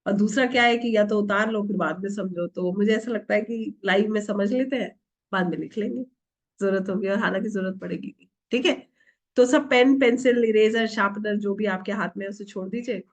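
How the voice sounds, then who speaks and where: Her mid-range voice has vocal fry as this middle-aged woman leads a tarot workshop on a video call. She asks her online students questions, answers them herself, and mixes English into her Hindi.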